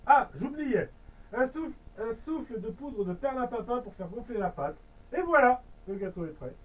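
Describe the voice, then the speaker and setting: A man's voice: extremely high pitch, animated, moderate pace, recorded from a distance, rough recording. A man voicing a greedy, cheerful little male elf in a bedtime storybook, with a sing-song, playful manner. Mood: helpful. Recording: voice a bit off-mic.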